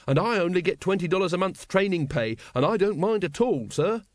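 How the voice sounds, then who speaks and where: A man plays an earnest, eager young watch recruit, brisk and lifted in pitch. It is keen and dutiful, recorded dry and close. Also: expressive, no echo.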